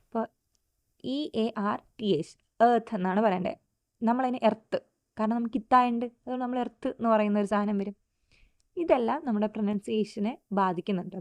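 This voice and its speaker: A woman teacher with a Malayali accent giving a lecture in Malayalam and English. She slows down to read out English definitions. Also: mid-range voice, a little mellow, no echo, studio quality.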